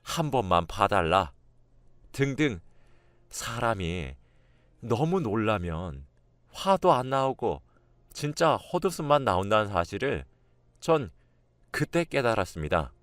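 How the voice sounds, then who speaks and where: A man narrating a first-person spoken story in a steady, confessional way. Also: medium pitch, unhurried, long pauses, dry recording.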